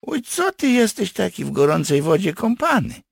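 A man voicing a cynical rustic man with hidden powers, talking gruff and earthy in an audiobook. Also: mid-range voice, wildly swooping pitch, unhurried, dry recording, clean studio sound, pitched above the performer's own voice, full character voice. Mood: gruff scheming. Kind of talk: audiobook character voice.

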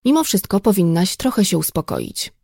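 A woman voicing a calm, teasing friend who stays unhurried. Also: mid-range voice, gravelly, no echo, studio quality, heavily acted.

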